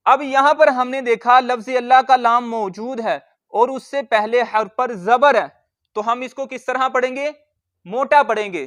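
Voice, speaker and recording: A man with a very high, crisp and ringing voice leads a word-by-word tajweed lesson. He patiently explains each rule, then sounds out the letters and words slowly, repeating them for the learner. The tone stays bright and sharp throughout. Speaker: Quran reading teacher.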